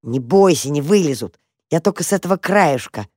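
A woman's voice: deep voice, expressive, normal speed, a little mellow, dry recording. A mischievous young mouse wonders aloud in a sly, eager tone, as a woman reads him in a storybook. The voice stays near her own, close and dry.

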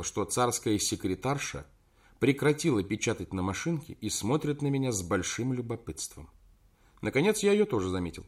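A man narrating a first-person story as an audiobook, turning emphatic when he voices the dialogue. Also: fairly low pitch.

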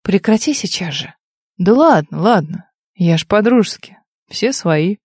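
A woman's voice: mid-range voice, expressive, a little slow, a little mellow, no room sound, studio quality. A woman voicing a smug young man who talks down to others with sneering condescension in an audiobook. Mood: mocking. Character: smug mocking young man, old rival.

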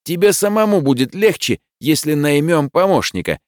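Give me a man playing a relaxed middle-aged cook who calmly reasons, lively in tone. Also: fairly high pitch, moderate pace, no echo, studio quality, voice pushed up, lightly acted. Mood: reasoning. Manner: calm, unbothered and reasoning. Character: easygoing middle-aged male restaurant chef. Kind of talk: audiobook character voice.

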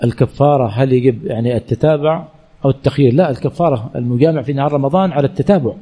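A man's voice: mid-range voice, rapid-fire, dark tone, slightly rough. A man teaching as a sheikh, reading out questions and answering them in a colloquial style with frequent repetition. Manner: reads each question aloud, then answers with repeated phrases; colloquial, self-correcting delivery. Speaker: sheikh teaching Islamic jurisprudence. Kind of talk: answering listeners' questions in a religious lesson.

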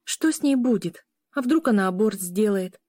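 A woman voicing an impulsive, sharp-tongued young woman in an audiobook, with snappy, indignant questions. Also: mid-range voice, lively intonation, moderate pace, no echo, studio quality, lightly acted.

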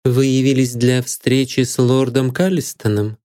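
Man putting on a haughty young woman, high-pitched, scornful and cold, slow and dark-toned, audiobook figure. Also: fairly even intonation, lightly acted. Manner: cool and scornful, rising to feverish alarm. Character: young woman, proud, cool, then shaken.

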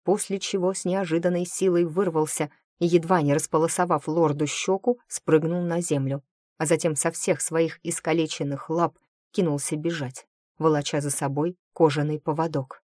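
A woman narrating a first-person fantasy audiobook in a lively, expressive storytelling manner. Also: low voice, moderate pace, no room sound, studio quality.

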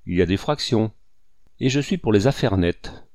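A blunt old army colonel barks out his terms, as a male audiobook reader puts him on. He has a low, gruff, commanding voice that cuts people short. It is recorded close and dry, with no room sound. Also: expressive, moderate pace, darkish tone, no room sound. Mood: impatient. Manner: brusque, commanding. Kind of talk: audiobook character reading.

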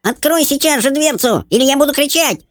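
A male audiobook narrator voicing a rude, bossy caged goblin with a shrill, squeaky voice. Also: a little fast, no room sound, clean studio sound. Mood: threatening. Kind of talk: audiobook character voice.

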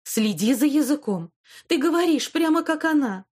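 A firm, loving old grandmother, stern when she scolds and gentle when she reassures, as a woman voices her in an audiobook. Her steady voice dips a little lower and softer in the tender moments. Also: normal speed. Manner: warm but stern, reassuring. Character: caring, firm elderly grandmother. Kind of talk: audiobook character voice.

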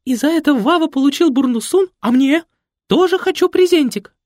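A male reader voicing Nikoletta, a vain, coquettish older mother who squeals and shrieks in a very high voice, in an audiobook. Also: lively intonation, normal speed, darkish tone, no room sound, clean studio sound. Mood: demanding. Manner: high-pitched squealing, theatrical. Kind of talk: audiobook character voice.

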